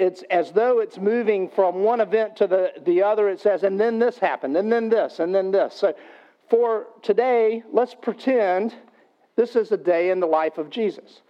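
High-voiced man preaching conversationally. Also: dull audio. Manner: conversational, paraphrasing scripture in everyday speech. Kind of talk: sermon storytelling.

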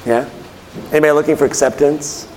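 A man's voice: a little high, steady tone, fairly quick, a little mellow, slight background noise. A man pastor giving a conversational sermon, telling everyday stories and asking the congregation questions, then repeating their answers. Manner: chatty storytelling.

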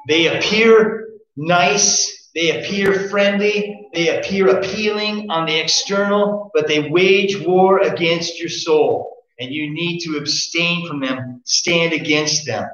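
A man preaching with an earnest, pressing delivery, his voice sitting a bit high for a man. The recording is muffled and dull, and the voice bounces around a very echoey room. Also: fairly bright tone. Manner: earnest preaching with rhetorical questions. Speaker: pastor. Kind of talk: sermon.

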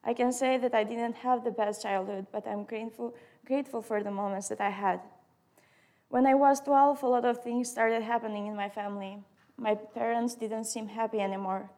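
A woman's voice: a little high, fairly even intonation, moderate pace, dark tone. A woman in her early twenties with an Albanian accent, a non-native English speaker reading her personal testimony aloud. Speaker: student sharing testimony.

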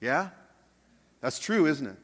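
A male pastor preaches in a conversational style, with a fairly high voice for a man. He leans on rhetorical questions and repetition to make his points. His words ring out with the long reverb of a big hall. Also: sing-song, takes it slowly. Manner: rhetorical questions, repeats phrases for emphasis. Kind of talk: conversational church sermon to a congregation. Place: large church hall, speaking live.

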